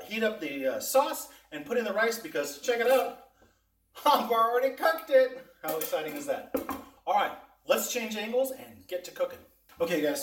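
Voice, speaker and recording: A man hosting a casual cooking vlog, chatting to viewers in a folksy way. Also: a little high. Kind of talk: casual taste-test and cooking demonstration. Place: indoors in a kitchen. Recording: roomy echo, distant microphone.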